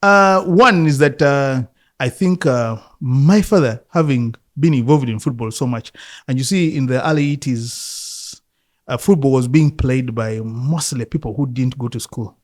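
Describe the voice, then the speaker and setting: A man from Uganda in his fifties, a football coach, telling his life story in a relaxed interview, reflective and often laughing. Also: medium pitch, a little slow. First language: Luganda.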